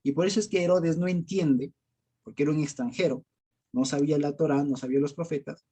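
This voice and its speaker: A man's voice: on the high side, steady tone, fairly quick, warm tone, slightly rough. A man with an Ecuadorian accent teaching a Bible study. He chats casually, laughs often and keeps quizzing his listeners. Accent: Ecuadorian Spanish. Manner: conversational, quizzes listeners with rhetorical questions; laughs often, frequent verbal fillers.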